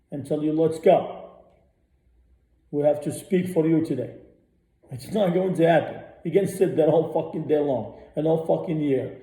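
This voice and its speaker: A man rants on a radio show, blunt and profane, and he hammers his points again and again. His voice is very dark and sits a little high. The room around him sounds echoey. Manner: blunt, profane, repeats himself. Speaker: radio host. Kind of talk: ranting monologue.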